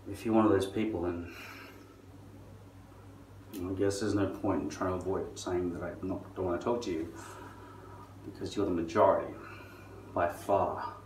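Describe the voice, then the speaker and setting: A man's voice: sits low, steady tone, normal speed, pauses often. A middle-aged man delivering a rambling, sardonic and profane monologue, drawing out words and then leaning hard on others. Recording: distant mic, roomy echo, faint noise.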